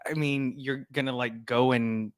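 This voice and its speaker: A man's voice: mid-range voice, fairly even intonation, unhurried, clean tone. Wry man, sassy comebacks. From Louisiana. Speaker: guest co-host. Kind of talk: casual chat.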